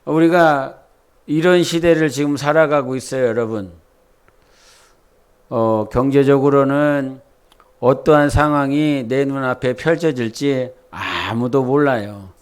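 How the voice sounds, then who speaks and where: A man's voice: medium pitch, unhurried, clean tone. A man from preaching a sermon, talking casually and quizzing the congregation with questions. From Jeolla, South Korea. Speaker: pastor.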